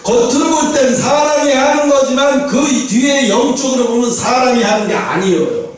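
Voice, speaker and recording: A very high voice at a moderate pace belongs to a male pastor preaching in a church. He speaks conversationally, asking rhetorical questions, and the echoey hall is recorded from far off with faint noise.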